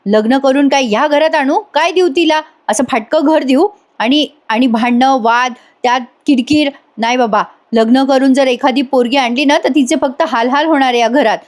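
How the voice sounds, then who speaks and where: A woman's voice: sits high, moderate pace, hardly any pauses, lightly acted. A woman voicing a boastful, defensive young mechanic in a retold village serial. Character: young man, blustering mechanic, defensive about love.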